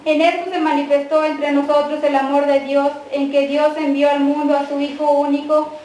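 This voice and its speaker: Mexican woman, prayer leader at a mass; steady liturgical recitation, very reverberant distant church sound. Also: high voice. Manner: measured, even recitation leading responses. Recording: echoey church from far off, faint noise.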